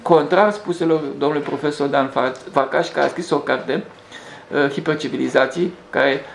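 A man's voice: fairly high pitch, vocal fry. A man hosting a rambling spiritual monologue, talking conversationally with frequent restarts and hesitations. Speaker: host. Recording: echoey room with faint background noise.

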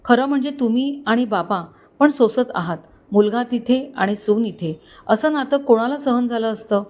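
A woman's voice: on the high side, moderate pace, a little mellow, close to an everyday voice. A woman voicing a tearful young wife. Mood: pleading. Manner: pleading, emotional. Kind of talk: storybook dialogue.

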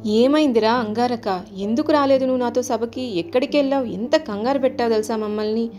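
Mother Earth, a caring, worried goddess, as a woman narrator voices her, motherly and gentle with a mellow, warm tone. Faint music sits behind her. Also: mid-range voice, level tone, a little fast, natural voice. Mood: scolding. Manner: motherly, scolding then soothing.

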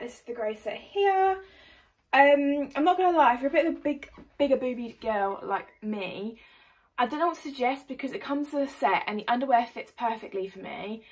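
A woman's voice: fairly high pitch, rough recording. Bubbly young English woman vlogging. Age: young adult. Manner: bubbly, chatty, energetic. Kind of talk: casual haul vlog. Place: bedroom under a ring light.

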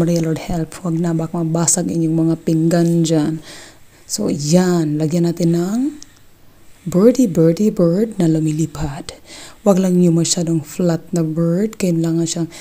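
A middle-aged woman walks viewers through a hands-on craft project in a casual, chatty tone. Her voice is low, breathy and soft-edged, and she keeps slipping in joking asides. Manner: playful, jokey asides, chatty teaching. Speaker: craft video host.

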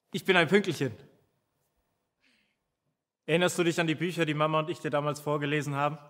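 Man playing a tiny devoted protector, high-pitched, stammering and repeating, stage monologue, long hall reverb. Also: fairly bright tone, lightly acted. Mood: playful. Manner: halting and stammering, repeating words. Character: devoted protective companion imagining himself tiny, vengeful. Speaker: stage actor in a filmed play. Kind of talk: theatrical monologue.

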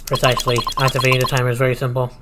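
A man's voice: mid-range voice, racing, heavy background noise, lightly acted. A man doing a clipped robotic bomb expert. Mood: flat. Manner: flat, clipped, mechanical delivery. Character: terse male bomb specialist with a robotic synthesized voice. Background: game music.

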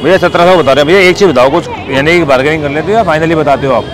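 His voice a little high and racing, a man vlogs on foot through a street market outdoors. He's upbeat and talkative, checking prices with sellers and repeating "bhai" and "theek hai," while crowd chatter and traffic fill the background.

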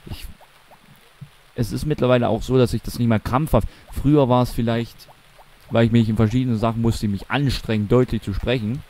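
A man's voice: mid-range voice, steady tone, fairly quick, darkish tone. A young man from eastern Germany with a Mansfeld regional accent, chatting in a rambling, self-correcting way while commentating a game. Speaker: let's play commentator. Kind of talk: casual gaming commentary.

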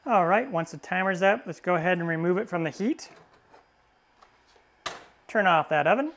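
A man's voice: high-pitched, normal speed. Easygoing man demonstrating a recipe. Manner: relaxed, easygoing step-by-step explaining. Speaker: cooking show host. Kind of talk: cooking demonstration. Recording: roomy echo.

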